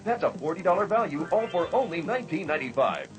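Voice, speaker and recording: A male infomercial announcer pitches with emphatic enthusiasm. His fairly high voice swings up and down in a lively way, with music clearly playing behind it. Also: fast. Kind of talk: infomercial sales pitch, scripted voice-over.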